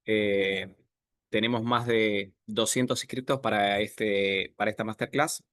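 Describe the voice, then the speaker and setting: A man in his thirties with an Argentine accent speaks in a low, unhurried voice, filling his pauses with soft hesitations. The sound is dry and close, as on a video call. He talks casually, like a guest starting an online class. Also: no room sound. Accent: Argentine Spanish. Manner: relaxed, many filler "eh" pauses. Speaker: guest speaker, software architect.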